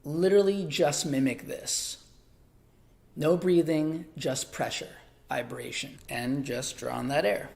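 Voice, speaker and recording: A man hosting an upbeat online beatbox tutorial, talking in an energetic, chatty way. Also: on the high side, unhurried, vocal fry.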